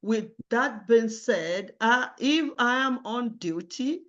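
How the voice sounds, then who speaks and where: A woman's voice: a little high, expressive, slow, a bit bright. A woman giving formal job interview answers in a hesitant way, repeating and restarting her words. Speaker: job candidate in a mock interview. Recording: dull, lo-fi audio.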